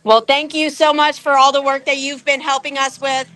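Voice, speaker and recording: A woman's voice: sits high, flat delivery, moderate pace, a bit bright. A woman hosting live commentary at an outdoor off-road event, upbeat and chatting with crew.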